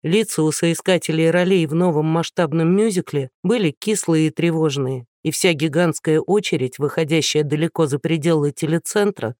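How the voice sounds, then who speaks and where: A man narrating an audiobook in a steady storytelling manner with light irony. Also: on the high side, no room sound, studio quality. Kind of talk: scripted narration.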